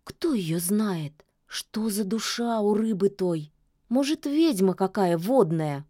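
A woman voicing a gentle, cautious young maiden in a fairy tale, soft-spoken and wondering. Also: mid-range voice, expressive, takes it slowly, no echo, clean studio sound.

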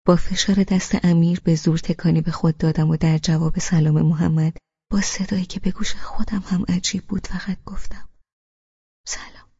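A woman narrating an audiobook in the first person, in a hushed, intimate, half-whispered way. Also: fairly low pitch, steady tone, husky, no room sound, dull audio.

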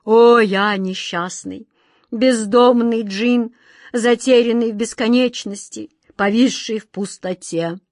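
A woman's voice: a little high, takes it slowly, a little mellow, no room sound, clean studio sound. A woman doing a mournful lost old jinn. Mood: lamenting. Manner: lamenting, sepulchral mutter.

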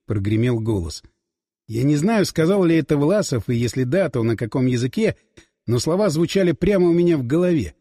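A man narrating a first-person audiobook in a dramatic, expressive reading. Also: a little high, fairly quick, breathy edge. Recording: dry close voice with long reverb.

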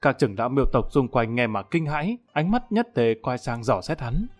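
A man narrates a scripted, dramatic story in audiobook style. His voice sits at a middle pitch, with light music playing behind it. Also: lively intonation, brisk.

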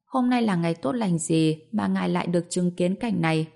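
A woman voicing a playful, teasing male emperor in an audiobook reading, quick and amused. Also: on the low side, creaky, dark tone.

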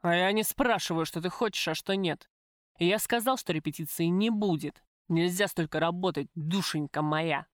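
A woman's voice: lowish voice, moderate pace, no room sound, studio quality, pitched below the performer's own voice, lightly acted. A woman voicing a coarse, possessive middle-aged male crime boss in an audiobook, crude and wheedling, then threatening. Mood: coaxing. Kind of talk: audiobook character voice.

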